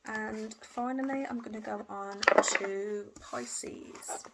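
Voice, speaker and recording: A woman's voice: mid-range voice, fairly even intonation, takes it slowly, gravelly, very noisy. Hesitant woman giving a tarot reading. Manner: hesitant, hedging with frequent fillers and restarts; intuitive, repeats "I feel". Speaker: tarot reader. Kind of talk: casual tarot reading to camera.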